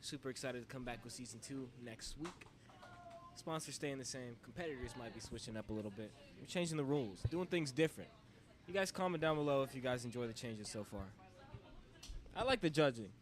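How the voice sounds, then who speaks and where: A man's voice: medium pitch, expressive, fairly quick. A man hosting and commentating a live stream, laid-back and joking as he rambles. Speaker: host and commentator. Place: glassblowing studio with people around.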